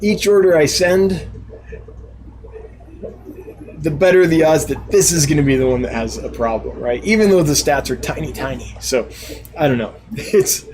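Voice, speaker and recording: A man's voice: fairly high pitch, animated, moderate pace, a crowd in the background, poor audio. A man hosting a casual live stream, reading out viewer comments and answering them in a chatty, laughing, self-deprecating way. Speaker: live stream host and fish seller.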